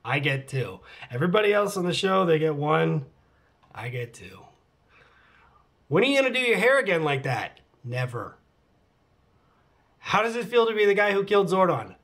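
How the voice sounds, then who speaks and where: Very animated and fairly bright in tone, this middle-aged man's high voice runs at normal speed with frequent pauses. He's hosting his channel from home alongside his cat, casually answering fan questions, laughing often and muttering the odd aside.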